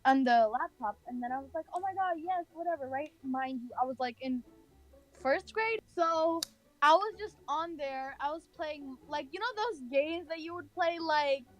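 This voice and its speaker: A young woman from California casually tells a personal story, rambling and saying "like" constantly. Her voice sits high and sounds animated, at a moderate pace, with faint music in the background.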